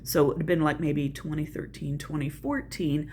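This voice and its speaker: An older Southern woman hosts her own video channel, chatting casually and folksily about her life with self-deprecating asides. Her low voice is steady and dark at a normal speed, with a little hiss or hum behind it.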